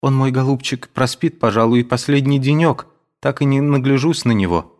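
A doting older mother speaks in a soft, hushed voice, a little raised in pitch, as a man puts her on. She sounds tender and quiet, in a storybook reading. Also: moderate pace, close to an everyday voice.

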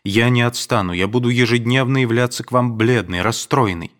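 A man reading a novel aloud, voicing a lovesick young man who pleads earnestly and then turns quiet and grim. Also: mid-range voice, a little fast, close to an everyday voice. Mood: pleading. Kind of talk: audiobook reading.

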